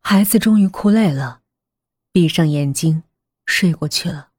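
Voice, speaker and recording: A woman reading a suspense story aloud, measured and hushed, sometimes dropping almost to a whisper. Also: low voice, breathy edge, dry recording, clean studio sound. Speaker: narrator. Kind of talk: scripted audiobook narration.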